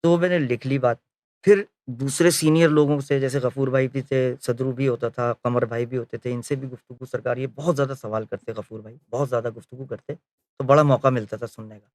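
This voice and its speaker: A man tells his memories of a spiritual leader as a story, his mid-range voice darkish in tone and fairly even in intonation. He acts out quoted conversations, often pausing on filler phrases and correcting himself, in a dry recording.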